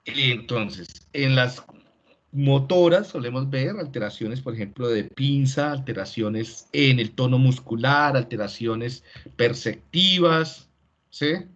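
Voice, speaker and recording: Male lecturer, middle pitch, patient explainer, lo-fi call audio. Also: slow, a bit bright. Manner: explanatory, tags many lines with "¿sí?". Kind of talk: online class lecture. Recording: dull lo-fi video call audio.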